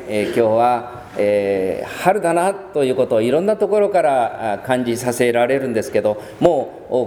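Male pastor preaching slowly, with a warm, animated delivery, in a reverberant church. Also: mid-range voice, slight background noise. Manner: measured, with many pauses and fillers. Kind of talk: sermon. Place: church sanctuary.

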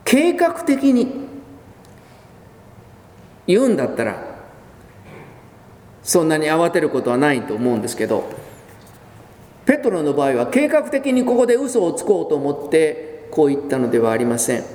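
A male pastor delivers a sermon in a fairly high voice that swoops up and down with animated storytelling. He stretches out the words he wants to stress and slips briefly into the people he quotes. His voice rings through a large church hall with a long reverb trail. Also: moderate pace, pauses often.

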